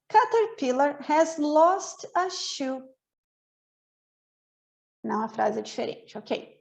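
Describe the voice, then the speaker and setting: A high-pitched woman gives an English lesson at an unhurried pace. She explains patiently, repeating and spelling out each word for her students. Her colors the English words she drills. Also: a little mellow. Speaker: English teacher.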